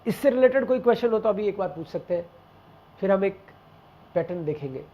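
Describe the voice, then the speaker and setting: A man's voice: high-pitched, animated, brisk, muffled recording, a little hiss or hum. A man teaching a German exam class in a casual explaining style, talking straight to his students and dropping in German example sentences. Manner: mixes Hindi with German example phrases, addresses students directly.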